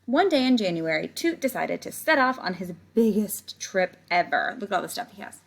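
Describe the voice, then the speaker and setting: A woman with a creaky, mid-range voice reads a picture book to children at a normal speed. Her storytelling is animated; she draws out words and talks straight to the kids with casual explanations along the way.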